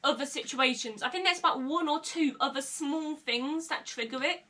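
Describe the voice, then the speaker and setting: A young woman talks candidly to her camera from her bedroom in a personal vlog, her high voice sharp in tone and her pace normal. She sometimes stutters and laughs nervously. The camera mic sits a short distance away, giving a slightly distant sound.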